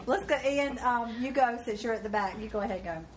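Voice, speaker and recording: A woman's voice: fairly high pitch, brisk, background noise. A woman leading a casual church group icebreaker, teasing and laughing often. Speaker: group leader.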